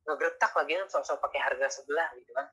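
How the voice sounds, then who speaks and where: A man's voice: fairly high pitch, fast talker, bright, forceful tone, breathy edge. A man giving a casual online sales lecture over a video call, chatty and constantly adding tag questions. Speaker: sales trainer. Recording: tinny video-call audio.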